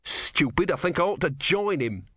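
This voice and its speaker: A man's voice: a little high, animated, moderate pace, a bit bright, breathy edge, no echo, clean studio sound, pitched above the performer's own voice. A man voicing a disillusioned young male priest with a sardonic, bitter manner.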